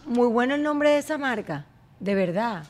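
A woman hosting a casual chat, animated and laughing often, slipping into English now and then. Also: a little high, normal speed. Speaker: host.

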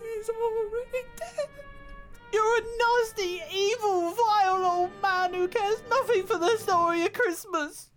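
A woman's voice: extremely high pitch, unhurried, over music. A woman voicing a tearful, indignant young girl in a comic sketch.

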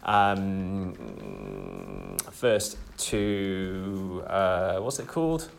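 A man's voice: low-pitched, extremely slow. A man hosting a casual interview, rambling with many fillers and open praise for his guest. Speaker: podcast host.

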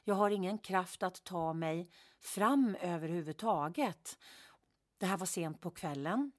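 A woman's voice: mid-range voice, a little mellow, no echo, studio quality. A woman telling a personal story in a vivid, emphatic way, repeating words for effect and correcting herself as she goes. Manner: vivid, emphatic retelling with repetitions and self-corrections.

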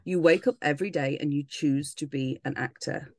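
A woman's voice: low voice, normal speed, no echo, clean studio sound. A woman co-hosting a podcast in casual chat, blunt and informal, repeating phrases for emphasis. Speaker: podcast co-host.

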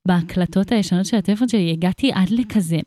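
A woman's voice: mid-range voice, dark tone, no room sound, clean studio sound. A young woman, a musician chatting casually as an interview guest, full of slang and fillers.

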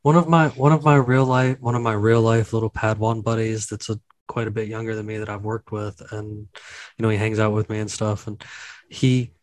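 A man's voice: fairly low pitch, level tone, brisk. A man co-hosting a podcast, telling rambling stories in casual chat. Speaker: podcast co-host.

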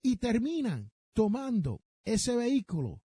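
A Puerto Rican man who hosts a personal finance podcast speaks in a very high, breathy voice with a dark tone and huge pitch swings, keeping a measured pace. He gives advice emphatically and directly to listeners, using rhetorical questions and mixing in some English terms, all in a Puerto Rican accent. The recording is dry.

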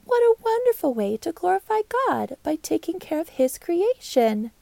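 Woman playing Dottie, a squeaky cheerful ladybug. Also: moderate pace, vocal fry, no room sound, exaggerated voice. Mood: earnest. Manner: bubbly, squealing excitement. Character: cheerful young female ladybug, curious and sweet.

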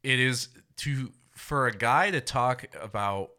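Bright-voiced young man rambling on a podcast. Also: medium pitch, takes it slowly. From United States. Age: 20s. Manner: rambling, swearing, laughs often, restarts sentences. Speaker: podcast co-host. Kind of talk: casual podcast debate.

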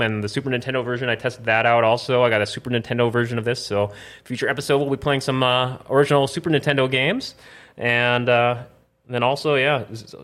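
A man's voice: medium pitch, fairly bright tone. A man hosting a casual chat show, rambling with lots of fillers as he wraps up the episode. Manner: rambling, filler-heavy wrap-up talk. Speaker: host.

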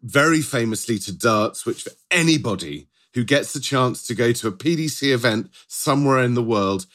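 A man's voice: mid-range voice, lively intonation, moderate pace, fairly bright tone. A middle-aged British man co-hosting a podcast in a conversational style, often rephrasing as he goes. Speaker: podcast co-host.

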